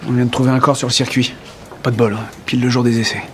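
An actor playing a businesslike police commander in a TV crime drama, brisk and matter-of-fact. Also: male voice, medium pitch, level tone, a little hiss or hum, lightly acted. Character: businesslike French police commander briefing his team.

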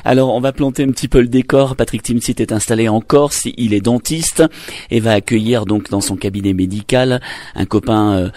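Un homme qui interviewe des acteurs et un réalisateur pour la promotion d'un film, sur un ton vif. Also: male voice, lowish voice, steady tone, moderate pace, dark tone, dry recording.

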